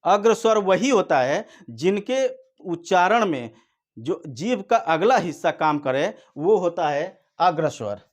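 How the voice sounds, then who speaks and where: A male teacher with a fairly high voice runs an exam-prep lesson. He talks slowly, repeats each point and stretches vowel sounds out to show how they are said. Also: very animated. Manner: slow, repetitive explaining, drawn-out vowel demonstrations.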